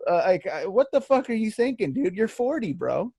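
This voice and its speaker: A man's voice: sits high, very animated, normal speed, vocal fry, darkish tone, breathy edge, dry recording. Man in his thirties, dry close sound. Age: 30s. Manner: profane rambling storyteller. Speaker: podcast co-host. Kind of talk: casual chat.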